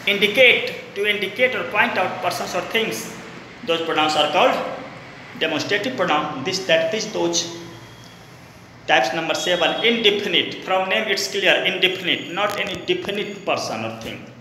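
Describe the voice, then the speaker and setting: A man's voice: high voice, animated, normal speed, sharp tone. A man with an Indian English accent teaching grammar, often repeating terms and spelling words aloud. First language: Hindi. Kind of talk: classroom grammar lesson. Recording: echoey room with long reverb, faint noise.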